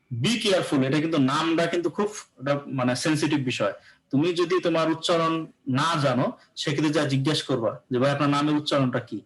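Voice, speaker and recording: A man with a Bangladeshi accent leads a live pronunciation lesson. His voice sits a little high, and he explains step by step, often asking whether the class follows. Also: low-quality recording. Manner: explains patiently, often checks understanding with rhetorical questions. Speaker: English pronunciation teacher.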